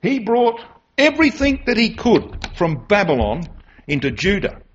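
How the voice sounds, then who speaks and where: A man's voice: sits high, big pitch swings, a little slow. A man preaching a sermon to a congregation. He speaks emphatically and keeps asking rhetorical tag questions. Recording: dull lo-fi recording.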